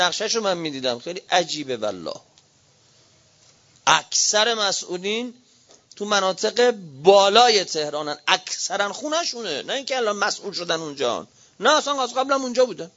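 A man with a Qom Persian accent delivers a fiery sermon, building to shouted rhetorical questions. His voice sits high and sounds bright and sharp. The recording is dull and lo-fi. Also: lively intonation. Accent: Iranian Persian, Qom. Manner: impassioned, shouting rhetorical appeals. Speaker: cleric preacher.

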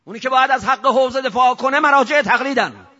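High sharp-voiced guy preaching hard, rhetorical and fiery, dull lo-fi sound. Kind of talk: impassioned political sermon. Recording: dull lo-fi recording.

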